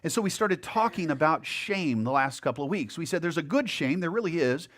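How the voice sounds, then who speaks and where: A man's voice: on the high side, expressive, a little fast, a bit bright. A male pastor preaching a conversational sermon in a church, with casual asides to the congregation. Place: church sanctuary. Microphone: handheld or headset mic.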